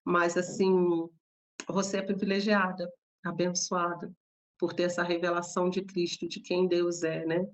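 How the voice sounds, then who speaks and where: Brazilian woman teaching a gentle devotional, low even voice, conversational. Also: normal speed, slight background noise. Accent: Brazilian Portuguese. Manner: gentle, conversational, frequent tag questions. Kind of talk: informal Bible devotional.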